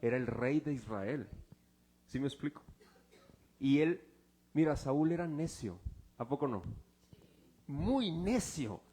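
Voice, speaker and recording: A male pastor, preaching a sermon full of rhetorical questions, swinging between loud and hushed. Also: mid-range voice, animated, takes it slowly, pauses often, breathy edge.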